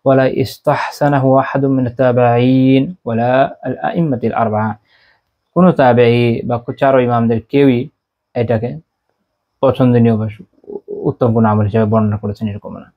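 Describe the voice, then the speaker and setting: A man's voice: medium pitch, steady tone, moderate pace, long pauses, muffled recording. A man teaching a religious lesson who recites Arabic passages and then explains them. He asks questions and answers them himself, with frequent "ah" fillers. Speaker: Islamic teacher. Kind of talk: religious lecture explaining texts.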